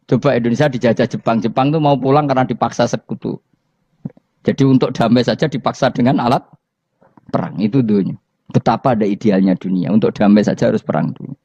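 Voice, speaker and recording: Javanese guy preaching, lowish voice, asks the crowd questions, dull dry lo-fi sound. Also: mellow, husky, dry recording. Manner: storytelling with rhetorical questions and chuckles. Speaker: Islamic preacher. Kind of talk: Javanese-Indonesian religious lecture.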